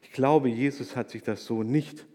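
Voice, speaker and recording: A man's voice: mid-range voice, normal speed. Earnest man testifying in a reverberant church. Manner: earnest, confessional, swings from hushed to loud. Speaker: church member giving a testimony. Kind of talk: emotional sermon testimony. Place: church hall. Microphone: handheld microphone. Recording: long church hall reverb.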